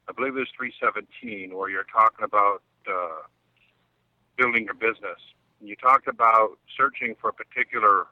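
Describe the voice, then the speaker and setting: A man speaks in a lowish voice in a voicemail message played back on air. The line is dull and lo-fi, with a dry, close sound. He talks conversationally, with small fillers and restarts. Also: no echo. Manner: conversational, slightly halting with fillers. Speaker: caller. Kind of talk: voicemail to a call-in show.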